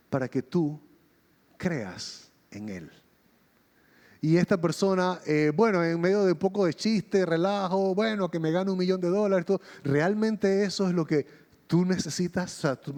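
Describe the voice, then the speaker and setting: A man preaching a sermon as pastor, telling a story and acting out its dialogue with changing pitch and pace. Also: darkish tone. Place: church hall. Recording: long reverb of a church hall.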